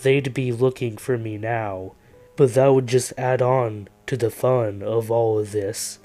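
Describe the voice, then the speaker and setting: A man narrates a dark first-person horror story at a very slow, deliberate pace. His delivery is calm and weary, with a middle-pitched voice. Faint music plays quietly beneath him. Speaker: creepypasta narrator. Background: faint background music.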